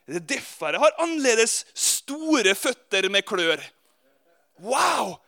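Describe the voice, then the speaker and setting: A man's voice: extremely high pitch, big pitch swings, vocal fry, bright, forceful tone, exaggerated voice. A man voicing a young male eagle raised among chickens, who is discovering his wings and crying out in wonder. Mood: amazed. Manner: awestruck exclamations.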